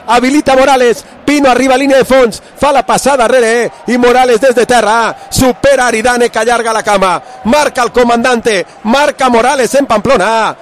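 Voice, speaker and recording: A man with a Valencian accent calls a football match live, his voice pitched very high and breathless as the play builds. He drives toward shouted goal calls over a faint hiss behind him. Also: steady tone, moderate pace. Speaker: football commentator.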